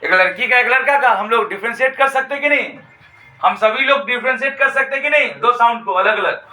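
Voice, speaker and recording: Male teacher lecturing in a classroom, really high bright voice, echoey room, repeats stuff and quizzes the kids. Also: recorded from a distance. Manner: dictates slowly, repeats phrases, asks students questions. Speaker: physics teacher.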